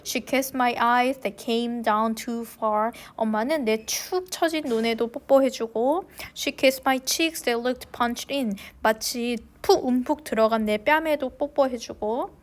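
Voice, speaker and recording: Woman teacher reading aloud in class. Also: a little high. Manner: slow and clear in English, quicker in Korean. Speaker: English teacher. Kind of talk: reading a novel aloud and translating.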